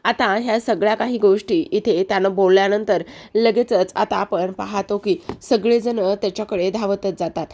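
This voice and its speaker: A woman's voice: mid-range voice, fairly even intonation, normal speed, darkish tone. A woman narrating a recap of a serial episode in a conversational, filler-heavy way. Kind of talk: casual story retelling.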